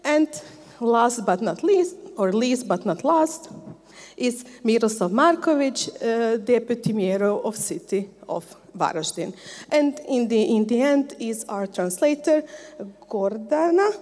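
Holding a handheld microphone, a woman from Croatia runs a live panel in a sports hall turned conference venue, where a long, big-hall reverb carries her voice. She sounds animated and a little mellow, pitched on the high side, and keeps a measured pace. Chatty and warm, she keeps asking "okay?".

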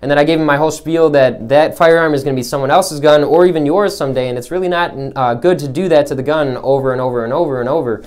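A man's voice: fairly high pitch, fast talker, few pauses, darkish tone. A young man who works as a gun store salesman, talking casually to his viewers in a rambling way, with many fillers and restarts. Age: young adult. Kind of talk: casual vlog talk.

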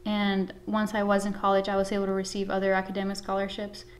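Woman, 30s, from Guatemala, flat delivery, earnest; office interview with a faint hum. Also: medium pitch, fast talker. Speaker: supervisor. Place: office with flag and plant.

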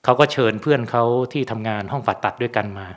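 A Buddhist monk gives a relaxed Dharma talk at a temple. He talks in an easy, conversational way and keeps checking in with rhetorical questions. His voice sits at an ordinary middle pitch for a man. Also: quick pace.

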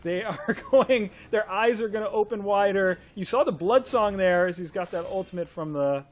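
Man, high voice, excited livestream host, laughs a lot. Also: normal speed. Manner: enthusiastic, laughs often. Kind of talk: excited game update showcase.

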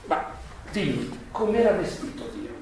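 An unmoved fairy-tale king, calm and knowing, as a man reading the story puts him on. He speaks steadily, with little show. The echo of a bare room hangs around the voice, which sits well away from the mic. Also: high voice, unhurried, a little hiss or hum, pitched above the performer's own voice. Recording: echoey room, voice far from mic.

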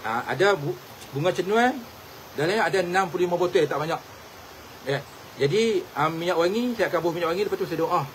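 A man's voice: high voice, fast, slight background noise, rough recording. A middle-aged man, telling folk stories in a casual, repetitive way and often addressing his listeners directly. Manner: repetitive, animated storyteller addressing listeners as tuan-tuan. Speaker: religious teacher and traditional healer. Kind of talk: casual storytelling to viewers.

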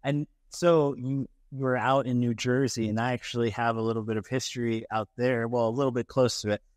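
A young male podcast host asks rambling, halting questions packed with fillers during a casual interview in a bright office with a lounge set. His medium-pitched voice is darkish and flat in delivery, captured in a dry recording.

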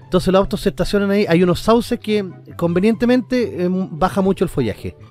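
A man with a Chilean accent, co-hosting a podcast, laughing often and telling quick anecdotes about his city. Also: high-pitched, animated, darkish tone, soft background music. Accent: Chilean Spanish. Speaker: podcast co-host. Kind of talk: casual comedic chat.

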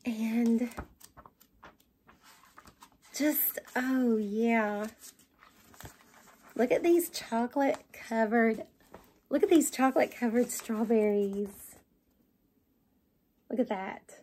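A middle-aged woman with a Southern US accent, gushing excitedly as she shows off shopping finds to the camera at home. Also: fairly high pitch, drawn-out words, pauses often, a little hiss or hum. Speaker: vlogger. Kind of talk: haul video chat. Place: home dining room, indoors.

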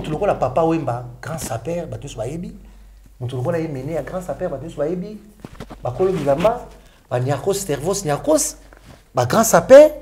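A man in casual, animated chat, mixing French and Lingala. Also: on the high side, slight background noise.

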